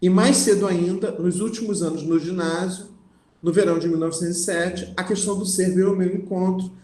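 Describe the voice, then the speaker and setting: A man's voice: high-pitched, steady tone, a little fast, a little mellow, echoey room. A man lecturing on philosophy, reading passages aloud and then explaining them, often checking in with the listeners. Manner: reads passages aloud, then comments with frequent "né?" and restarts.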